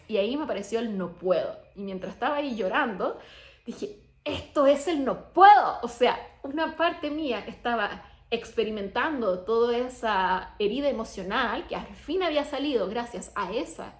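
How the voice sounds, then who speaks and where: A young adult woman and coach telling her personal story in a chatty, animated way, full of "o sea" and "como". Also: a little high. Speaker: abundance coach and podcaster. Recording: roomy echo.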